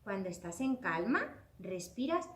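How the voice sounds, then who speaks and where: Animated woman telling a children's story. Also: sits high, unhurried, reverberant. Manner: expressive, exclaiming, addressing children directly.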